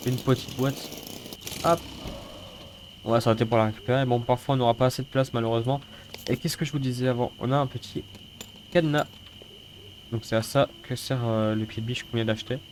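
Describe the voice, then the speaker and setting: Suffering from a head cold, a gaming video host sniffles through casual, sweary, mock-grumbling let's-play commentary. His mid-range, darkish voice is fairly even and fairly quick, with frequent pauses, over noisy game sounds of a car engine and rattling mechanical clatter.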